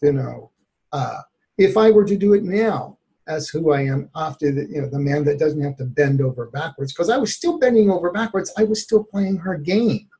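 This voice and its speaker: A man, a therapist by trade, tells a personal story as a guest in an interview. His voice sits a bit high with a gravelly fry running through it, and he keeps the telling lively with frequent laughs. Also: normal speed. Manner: animated, laughs often while telling stories.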